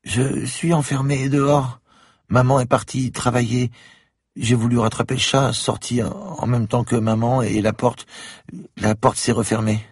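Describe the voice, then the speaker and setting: Brief: eerie shy girl of nine, high pleading child voice, done by a husky-voiced man reading. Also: little pitch movement, measured pace, dry recording, studio quality. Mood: tearful. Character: timid tearful little girl of nine or ten, eerie.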